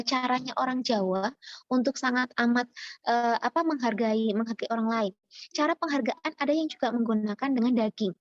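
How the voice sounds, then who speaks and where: A woman from Java, a university lecturer, speaking in a chatty, animated way with many fillers, as a webinar speaker. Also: high voice, no room sound, lo-fi sound. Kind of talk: informal lecture. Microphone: video call.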